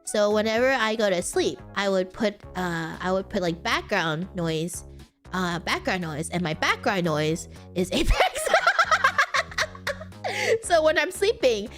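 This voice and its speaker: A woman's voice: mid-range voice, very animated, measured pace, faint music behind. A young woman streaming, chatting casually with lots of fillers, giggles and restarts.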